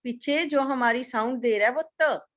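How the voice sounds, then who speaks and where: A woman teacher giving a slow, patient lesson to young children, repeating each word so they can echo it. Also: fairly high pitch, fairly bright tone, muffled recording. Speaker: kindergarten teacher.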